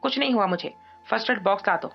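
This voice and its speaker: A woman's voice: mid-range voice, quick pace, creaky. A woman reading as a cold, curt young man. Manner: clipped and dismissive. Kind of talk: dramatic audiobook reading. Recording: dull lo-fi audio, faint music.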